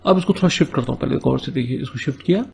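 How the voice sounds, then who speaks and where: Man with a gravelly voice. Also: medium pitch, darkish tone. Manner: explains step by step, keeps asking "है ना?"; reads English task notes slowly between Hindi explanations. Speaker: coding tutor. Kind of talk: screen-recorded coding tutorial.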